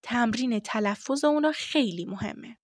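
A woman with a fairly high voice teaches voice technique in a clear, instructive podcast style, going point by point. The recording is dry and close, with no room sound. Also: expressive, no echo. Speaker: voice-acting teacher. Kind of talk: podcast lesson.

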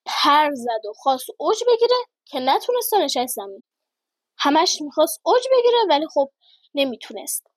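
An exasperated male schoolteacher in a storybook reading, as a woman voices him in her own high voice. He quizzes his pupils sharply and slips into easy anecdote-telling, recorded dry and close. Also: big pitch swings, no echo. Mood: recounting. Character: male schoolteacher, adult, patient but exasperated.

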